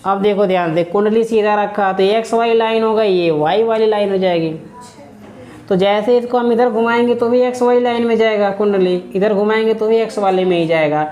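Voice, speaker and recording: A man's voice: sits high, steady tone, brisk, a little mellow, echoey room. A male teacher giving a classroom physics lesson, asking questions and then answering them himself while repeating key words.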